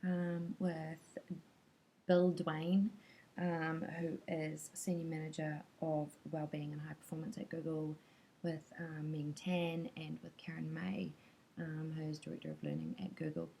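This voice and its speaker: Low, gravelly woman chatting. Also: fairly even intonation, measured pace, dark tone, a little hiss or hum, low-quality recording. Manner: chatty, hesitant, many "um" fillers. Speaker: vlogger recapping a conference talk. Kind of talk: casual spoken recap.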